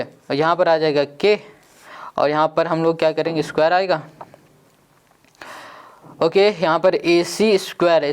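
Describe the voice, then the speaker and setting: Man, maths teacher, online lesson, somewhat high voice, walks through steps with questions. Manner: talks through steps, asks students questions.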